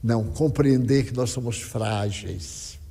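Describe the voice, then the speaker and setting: An older man telling a story in a lecture, dramatic and lively as he quotes other people. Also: medium pitch, takes it slowly, gravelly, husky, in a large hall. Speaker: spiritist speaker.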